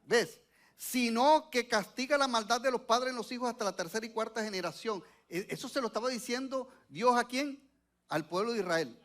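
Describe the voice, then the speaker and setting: A man's voice: extremely high pitch, normal speed, a bit bright. A male pastor preaching a sermon to a church congregation, asking them questions and waiting for their answers.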